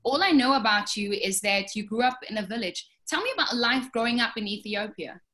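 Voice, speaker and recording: An enthusiastic woman presenter leads the interview in a chatty way, speeding up when she gets excited. Her voice is bright and a little high. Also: a little fast.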